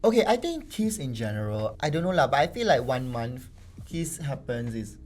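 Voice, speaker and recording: A Singaporean woman co-host chatting in Singlish, blunt and expressive, with local slang and swearing. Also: a bass voice, normal speed. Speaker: talk show co-host. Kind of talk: animated casual chat reacting to stories.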